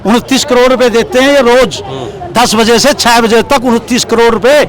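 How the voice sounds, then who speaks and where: A man's voice: very high-pitched, steady tone, moderate pace. A man speaking as an impassioned political supporter, declaiming emphatically in verse-like phrases and repeating them for effect. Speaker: street interviewee, political supporter reciting poetic praise. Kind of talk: impassioned street political oratory with rhymed verses. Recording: street recording with crowd and traffic.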